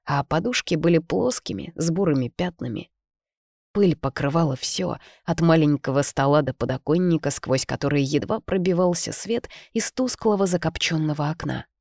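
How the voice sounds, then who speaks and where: An audiobook reader giving measured, even narration of a first-person novel, read close to the mic. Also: mid-range voice, no echo. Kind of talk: scripted narration.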